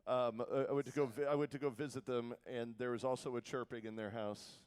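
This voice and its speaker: A man's voice: medium pitch, fairly even intonation, fairly quick, darkish tone, clear, resonant tone. A man hosting a live charity event on a theatre stage, an upbeat emcee who tells a chatty story and laughs along with it. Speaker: event host, radio host.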